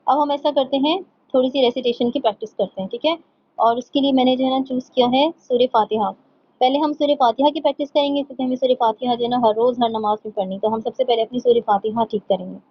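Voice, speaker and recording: A woman teaches a religious recitation class, explaining patiently and pausing to check that students follow. Her voice sits on the higher side. The recording is dull and lo-fi. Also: steady tone. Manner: explains in Urdu, reads English points slowly from slides; checks in often with "theek hai". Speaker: tajweed teacher. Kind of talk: online class lesson.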